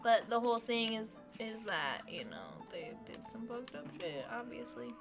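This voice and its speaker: A woman's voice: fairly high pitch, sing-song, moderate pace, over music. A young woman chatting casually while playing a video game, giggling and swearing freely. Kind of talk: casual gameplay chat.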